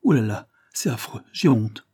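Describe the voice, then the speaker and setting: A man voicing a stubborn, feisty blind teenage girl, emphatic and pitched up. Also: lively intonation, moderate pace, warm tone, slightly rough. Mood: ashamed.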